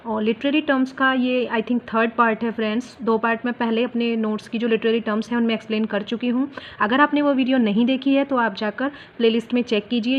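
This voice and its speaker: High-voiced woman teaching exam notes. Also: lo-fi sound. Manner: explains term by term, repeats the key points, calls viewers friends. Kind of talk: exam-prep notes lesson.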